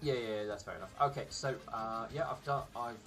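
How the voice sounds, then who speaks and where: A man's voice: mid-range voice, a little fast. A man running a tabletop game as game master, talking casually through the rules. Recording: music clearly audible behind the voice.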